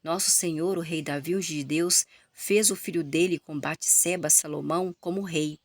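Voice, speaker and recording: A Brazilian woman reading aloud as a young male priest's son bringing news, in slow, halting phrases. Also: sits low, steady tone, dry recording. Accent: Brazilian Portuguese.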